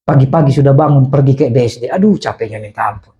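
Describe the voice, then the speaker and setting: A middle-aged man preaching a sermon, telling a personal story in an animated way and acting out the voices of the people in it. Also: medium pitch, quick pace, highs cut off. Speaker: pastor.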